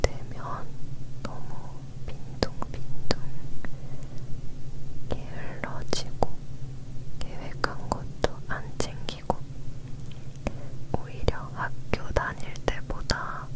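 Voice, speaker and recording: Young woman, whispered voice, leaning in close to the microphone, slow pace, careful soft delivery, casual ASMR talk. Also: rough recording. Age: young adult. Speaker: ASMR video creator. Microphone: close recorder microphone.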